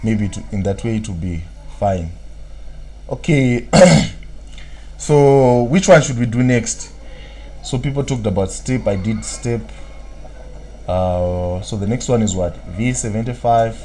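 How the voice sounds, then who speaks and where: Here a low, mellow male voice goes slowly, leaving long pauses. He is from Zimbabwe, speaks with a Zimbabwean accent and Shona as his mother tongue, and runs a live trading analysis stream where he rambles, fills gaps with "what, what," and replies to chat.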